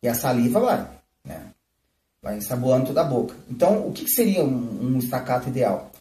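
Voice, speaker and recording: Man, flute teacher on a live stream, mellow voice, echoey room, mic a bit far. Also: medium pitch, big pitch swings, a little fast. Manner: explains, often checking with "né?" and "tá?". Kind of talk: live-streamed music lesson. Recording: roomy, from a distance.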